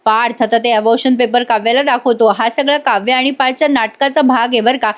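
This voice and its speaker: A woman's voice: fairly high pitch, steady tone, fairly quick. A woman giving a casual voice-over recap of a TV serial episode, chatting with her listeners. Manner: chatty, often addresses listeners directly. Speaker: TV serial reviewer.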